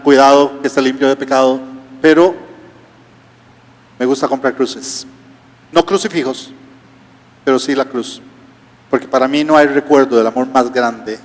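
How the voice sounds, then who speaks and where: A male pastor, preaching a sermon with rhetorical questions and humorous asides. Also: on the high side. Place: church auditorium. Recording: reverberant church hall.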